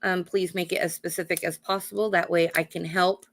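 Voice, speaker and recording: Hoarse woman giving psychic readings. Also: lowish voice, flat delivery, a little fast, fairly bright tone. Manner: calls viewers honey and darling, adds "okay?" tag questions. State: hoarse from a cold. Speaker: psychic card reader. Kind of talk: live-streamed card reading.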